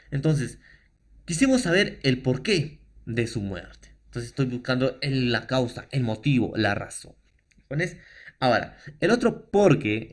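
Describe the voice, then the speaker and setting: A middle-aged Peruvian man talks his students through a lesson with a Peruvian Spanish accent. He works in constant tag questions and fillers, repeating points to make sure they sink in. His voice sits at an ordinary pitch for a man. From Peru. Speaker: teacher. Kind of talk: remote classroom lesson.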